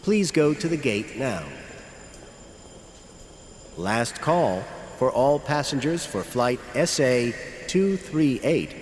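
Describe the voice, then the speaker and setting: A man acting as an airport announcer, giving slow, formal boarding calls over loudspeakers for a course recording. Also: mid-range voice, expressive, roomy sound, big-room sound, a little hiss or hum. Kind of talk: scripted course audio.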